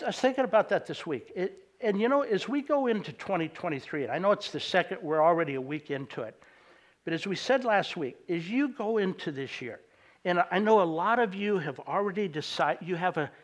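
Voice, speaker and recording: Halting, conversational male pastor. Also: sits high, fairly bright tone. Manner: conversational, halting with many fillers and restarts; acts out quoted voices in anecdotes. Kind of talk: sermon.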